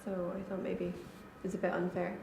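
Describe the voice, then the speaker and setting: A woman's voice: lowish voice, a little fast, gravelly. A young woman, a college student, answers interview questions in a loose, casual way. Her answers are full of fillers like "um" and "like." She sounds like she is in an echoey room, with faint noise behind her. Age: young adult. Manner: relaxed, with frequent fillers like "like" and "um".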